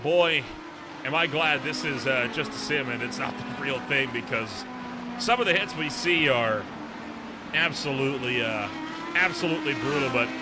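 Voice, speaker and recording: A man giving live motorsport commentary on a sim race in a conversational play-by-play manner. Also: a little high. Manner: conversational, checks points with "right?".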